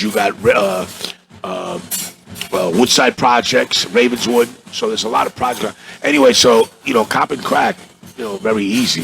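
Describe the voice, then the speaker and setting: A man's voice: medium pitch, creaky, fairly bright tone. A middle-aged man with a New York accent, a comedian telling a profane, rambling story with stammers in a cafe interview. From Astoria, Queens, New York. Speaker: comedian guest.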